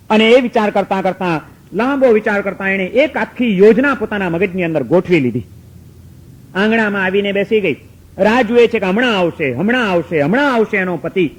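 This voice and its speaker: A man's voice: sits high, low-quality recording. A male preacher telling a moral story in a sermon, emphatic and repetitive, with rhetorical questions.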